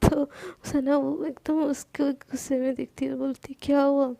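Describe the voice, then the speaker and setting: Woman narrator, soft and intimate, high but gravelly voice, dry close sound. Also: level tone, measured pace. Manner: soft, intimate, sometimes near-whispered. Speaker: storyteller. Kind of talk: storytelling narration.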